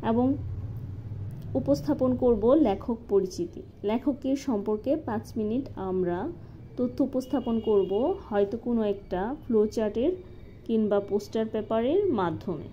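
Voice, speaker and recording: A woman calmly walking through a lesson plan step by step, as a teacher-training instructor. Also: a little high, measured pace. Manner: methodical, step-by-step with occasional fillers. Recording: slightly dull lo-fi recording with faint noise.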